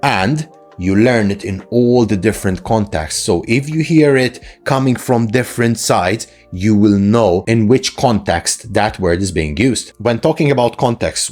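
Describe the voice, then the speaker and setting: Animated male English teacher over music. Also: lowish voice. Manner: rhetorical questions with frequent "right?" tags. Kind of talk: instructional lesson to camera, conversational.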